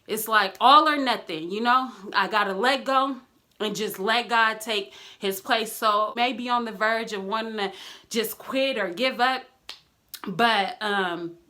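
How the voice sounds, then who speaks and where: A young woman talking casually in a vlog, telling a story with lively acted-out quotes and encouragement. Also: on the high side, measured pace. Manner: animated storytelling, acts out quoted friends. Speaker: vlogger.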